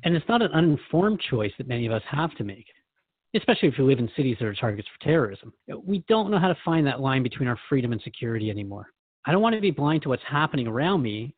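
A podcast host thinks aloud and asks a spiritual guide earnest questions in a reflective conversation. His voice is mid-range, and the audio is narrow and tinny with no echo.

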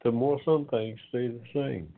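A man in his seventies hosting an online talk forum, speaking in a casual monologue that is unhurried and reflective, with many pauses and drawn-out words. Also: mid-range voice, creaky. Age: 70s. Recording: tinny phone-line sound.

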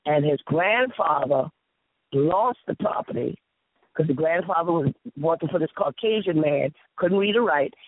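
A woman from the South Carolina Sea Islands with a Lowcountry Gullah Southern accent tells stories conversationally and emphatically, repeating phrases and acting out dialogue. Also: lively intonation, moderate pace, breathy edge, dry recording. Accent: Lowcountry Gullah Southern American. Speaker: interview guest. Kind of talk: animated conversational storytelling. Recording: narrow, tinny phone-like audio.

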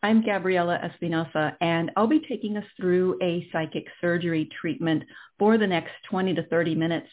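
A woman leading a guided healing meditation in a soothing, measured way, leaving long pauses between phrases. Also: on the low side, fairly even intonation. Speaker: guided healing session host. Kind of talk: slow guided meditation narration. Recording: thin, phone-like narrowband sound.

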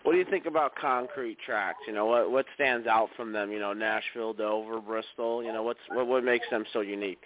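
A man asking questions in a casual sports interview, halting and repeating words as he goes. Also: lowish voice. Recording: muffled narrow band, noisy line with clicks.

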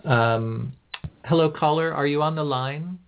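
A man hosting a tarot phone-in, giving conversational readings and advice in a measured, explanatory way. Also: gravelly, slight background noise. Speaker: phone-in tarot show host. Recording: muffled low-bandwidth call audio.

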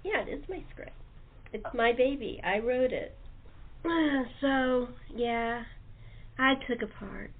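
A woman who writes and acts in radio plays hosts an informal interview chat about her creative work. She speaks slowly in a fairly high voice. The audio has a muffled, phone-line quality.

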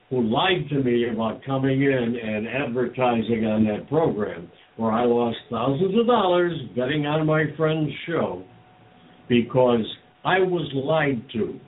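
An older man talking bluntly and indignantly in a casual chat, swearing freely as he rails against greed. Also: mid-range voice. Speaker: guest. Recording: tinny phone-like sound.

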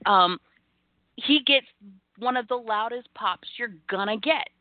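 A woman co-hosting a casual wrestling podcast, animated and sassy, acting out fan reactions. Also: a little high, measured pace, no echo. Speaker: podcast co-host. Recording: thin phone-like line.

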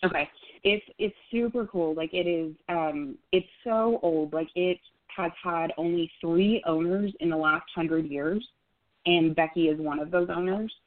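Woman, 30s, from Oklahoma, chatty storyteller with fillers, lowish voice, dry phone-line sound. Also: measured pace, no room sound. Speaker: podcast host and guest. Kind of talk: casual interview chat. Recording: tinny phone-like call audio, dry.

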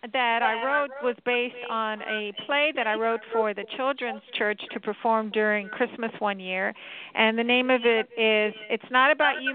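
High-pitched woman over a landline phone. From US Virgin Islands. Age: middle-aged. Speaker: guest, children's author and lawyer. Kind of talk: radio phone interview. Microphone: landline telephone. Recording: narrowband landline phone line.

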